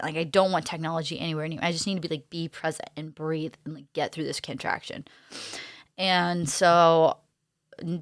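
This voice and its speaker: A young woman in her twenties casually telling a personal story, chatty and animated, often saying "like" and acting out what she and others said. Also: on the low side, no room sound, studio quality. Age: 20s. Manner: chatty, heavy use of "like", animated quoting of herself. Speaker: young mother sharing her birth story.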